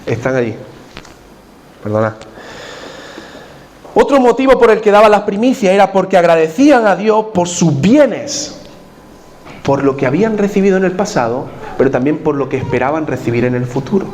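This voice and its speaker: High-voiced Spanish pastor preaching. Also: male voice, sing-song, normal speed, pauses often, darkish tone, a little hiss or hum. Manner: questions the congregation directly, repeats key points. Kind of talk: sermon. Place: church.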